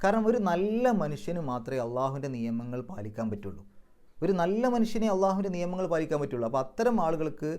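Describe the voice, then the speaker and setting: Man, Quran teacher, patient step-by-step explanations, slowly chanted example words, fairly high voice. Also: sing-song, darkish tone. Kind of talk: religious lesson with recitation drills.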